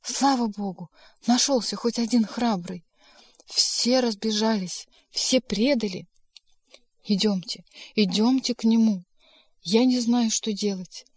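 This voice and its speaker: A woman's voice: on the high side, takes it slowly, breathy edge, no echo. A woman voicing a hysterical young female secretary who sobs and wails, slightly nasal from crying. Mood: desperate. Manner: sobbing, wailing, breathless pleading.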